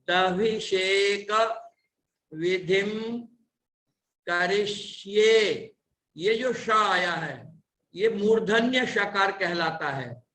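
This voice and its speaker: Slow, high-voiced man drilling recitation. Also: bright, forceful tone, recorded from a distance. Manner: patient, explanatory instruction. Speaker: teacher of a religious class. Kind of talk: online lesson on recitation pronunciation. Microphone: online class audio. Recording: roomy echo.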